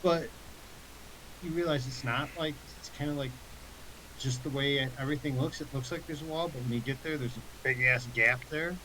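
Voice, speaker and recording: A man working as game master, casually narrating scenes in a halting, improvised way. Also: mid-range voice, steady tone, pushed and bright, rough recording. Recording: faint background hiss.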